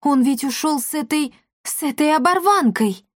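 A woman's voice: high voice, a little slow, a little mellow, no room sound, studio quality, voice pushed up. A woman voicing a firm, no-nonsense girl who keeps the others in line. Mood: stern.

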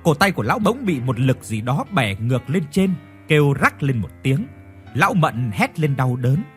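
Guy reading a ghost story, really lively up and down voice, faint music behind. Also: mid-range voice, moderate pace. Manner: dramatic, expressive reading. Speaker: narrator. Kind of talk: horror story narration.

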